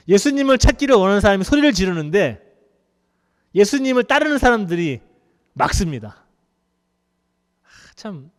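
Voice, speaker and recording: 한 남자 목사가 교회에서 이야기하듯 편하게 설교하며, 중간중간 웃음을 섞어 성경 이야기를 생생하게 풀어냅니다. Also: male voice, high voice, long reverb tail. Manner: conversational, animated storytelling with laughs. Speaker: pastor. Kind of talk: sermon. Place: church sanctuary.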